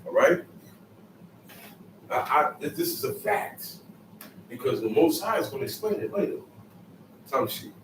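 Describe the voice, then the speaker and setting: A man's voice: a little high, big pitch swings, unhurried, long pauses, slight background noise. A man giving a Sabbath scripture lesson, emphatic and repetitive, in casual street phrasing. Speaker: Bible teacher. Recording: echoey room, mic far off, faint ambience.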